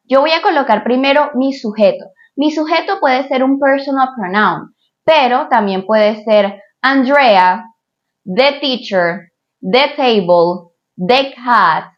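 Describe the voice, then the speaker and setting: A woman's voice: fairly high pitch, dull audio. A woman teaching an English grammar lesson for Spanish speakers, patiently repeating points and checking in with the viewer. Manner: says English examples slowly, twice.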